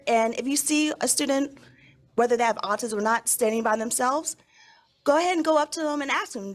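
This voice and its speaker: A woman teacher explaining things to young children in simple, instructive phrases during a school announcement. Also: on the high side.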